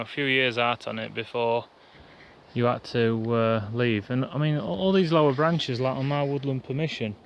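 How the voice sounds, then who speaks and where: Fast-talking man rambling outdoors. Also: medium pitch, slight background noise. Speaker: bushcraft vlogger. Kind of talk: casual rambling chat to camera. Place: outdoors in a pine woodland. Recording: dull lo-fi outdoor recording, faint woodland ambience.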